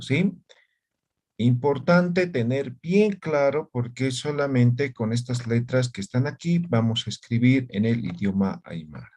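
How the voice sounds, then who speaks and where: A man's voice: mid-range voice, a little mellow. A man teaching an online language class over a video call, who checks in often with short questions.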